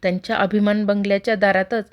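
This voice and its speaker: A woman reading a horror story aloud in a steady, measured narrating voice. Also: mid-range voice. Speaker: story reader.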